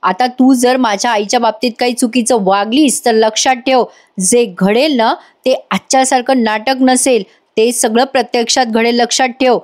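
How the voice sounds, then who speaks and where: A woman's voice: a little high, close to an everyday voice. Stern scolding young woman, read by a woman. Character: angry young woman confronting her rival.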